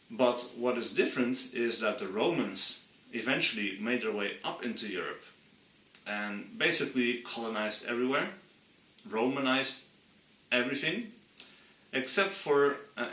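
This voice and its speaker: A man's voice: on the low side, pushed and bright, distant mic. Earnest man in echoey room. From Friesland, Netherlands. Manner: earnest, passionate, slows down to stress points. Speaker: channel host. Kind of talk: explainer monologue.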